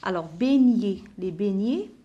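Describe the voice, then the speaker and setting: A woman teaching a primary school lesson. She repeats words slowly, spells out letters and sounds, and slips in Arabic words to explain vocabulary. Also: medium pitch, lively intonation, lo-fi sound. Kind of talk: slow classroom lesson explanation.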